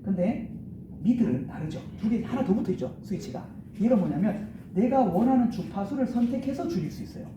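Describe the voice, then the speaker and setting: A man's voice: sits high, lively intonation, a little fast, lo-fi sound, background noise. A man teaching church sound, explaining mixer settings step by step and counting into a handheld mic in a large hall. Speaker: audio lecturer. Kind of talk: live hands-on sound workshop. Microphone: handheld microphone through a PA. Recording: roomy distant hall recording.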